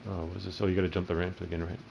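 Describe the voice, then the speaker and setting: Man, very low voice, crude rambling gameplay commentator. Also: flat delivery, very fast, vocal fry, a little mellow, a little hiss or hum, rough recording. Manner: crude, profane, rambling storyteller. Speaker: gaming channel host.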